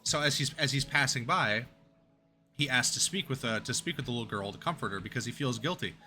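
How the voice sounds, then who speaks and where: A man's voice: mid-range voice, fairly quick, pushed and bright. A young man streaming a game, chatting casually and telling a long joke in a rambling way with restarts and chuckles.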